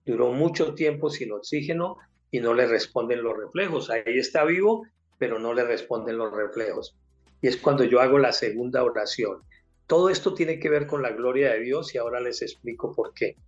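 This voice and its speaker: A man's voice: mid-range voice, moderate pace, lo-fi sound, soft background music. Older Colombian man telling a vivid testimony. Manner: emotional storyteller who acts out the voices in his story. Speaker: guest giving a testimony. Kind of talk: personal faith testimony.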